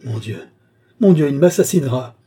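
A man's voice: mid-range voice, steady tone, moderate pace, warm tone, slightly rough, close to an everyday voice. A man reading an audiobook, voicing a furious, desperate young captive woman in raised, pleading and defiant outbursts. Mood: hysterical.

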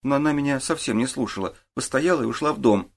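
A man's voice: medium pitch, fast, vocal fry, pitched above the performer's own voice. A man reading an audiobook, voicing a sullen teenage boy who answers in grudging mumbles. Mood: explaining. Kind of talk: audiobook character voice.

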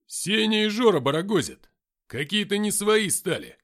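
A man's voice: sits high, big pitch swings, normal speed, fairly bright tone, voice pushed up, full character voice. A man voicing an agitated male soldier making an urgent report.

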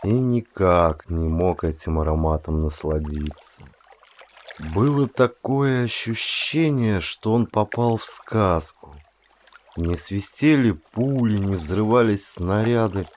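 A man narrating a war story in a measured, dramatic reading. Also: fairly low pitch, expressive, darkish tone, slight background noise. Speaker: audiobook narrator. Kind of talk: scripted narration.

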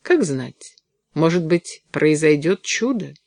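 A man reading an audiobook, voicing a furious, sharp-tongued woman talent agent who snaps and scorns. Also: fairly high pitch, big pitch swings, takes it slowly, gravelly, no echo, studio quality, exaggerated voice. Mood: bitter. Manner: snapping, scornful.

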